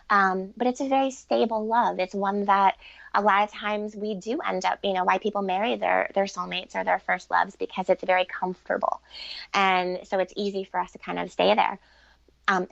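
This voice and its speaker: A gravelly yet fairly bright medium-pitched voice belongs to a middle-aged woman who's a podcast interview guest, a relationship author and coach. Her answers are earnest, reflective and conversational. The recording is dry and sounds dull and lo-fi.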